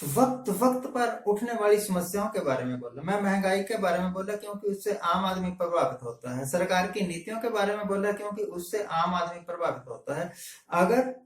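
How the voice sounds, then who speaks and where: A man speaking in a measured, explanatory way, often mixing in English words, as a vlogger giving a reflective talking-head monologue. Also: high-pitched, lively intonation. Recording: echoey room, mic at a distance.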